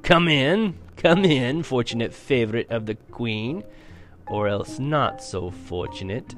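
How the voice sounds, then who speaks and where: A man's voice: mid-range voice, animated, slow pace, faint music behind. A man voicing a huge, fierce, growling wolf who gives menacing commands in a storybook reading. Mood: sneering. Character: huge fierce male wolf, secret police chief.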